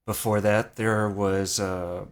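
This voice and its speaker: A man's voice: fairly low pitch, level tone, slow pace, clean tone. A man co-hosting a podcast, talking casually with hesitant fillers. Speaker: podcast co-host. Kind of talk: casual chat and interview.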